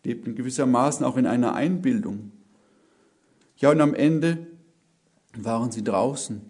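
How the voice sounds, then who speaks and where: A man's voice: medium pitch, darkish tone. A man preaching an earnest sermon, often adding "ja?" as he speaks. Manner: slow, earnest, emphatic with many "ja?" asides.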